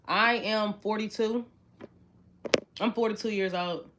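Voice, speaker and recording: A woman's voice: mid-range voice, steady tone, unhurried. A woman in her twenties doing a casual tarot reading, chatty and repetitive, talking straight to her viewers. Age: 20s. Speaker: tarot reader. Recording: card shuffling noise clearly audible. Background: shuffling cards and clicks.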